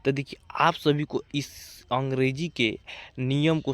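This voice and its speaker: Young guy teaching english reading, mid pitch, says the same thing over and over, spells words out letter by letter. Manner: repetitive, keeps saying "dekhiye", spells words out letter by letter. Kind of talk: spoken lesson.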